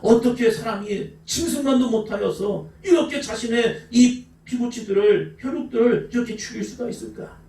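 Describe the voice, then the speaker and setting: High gravelly Korean pastor preaching. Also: male voice, normal speed, hardly any pauses. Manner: emphatic preaching, shifts between shouts and soft asides. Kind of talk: sermon. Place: church sanctuary. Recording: echoey church hall from a distant mic.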